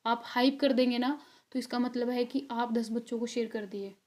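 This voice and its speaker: Chatty woman teacher, dark voice. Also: fairly high pitch, steady tone, normal speed. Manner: chatty, encouraging, coaxing students; frequent check-ins and fillers. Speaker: exam-prep teacher. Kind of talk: recorded video lesson.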